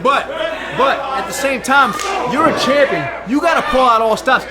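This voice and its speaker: A man's voice: very high-pitched, moderate pace. A man giving opinionated, emphatic wrestling commentary, often repeating phrases to drive a point home. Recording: very noisy, loud crowd throughout. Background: loud crowd.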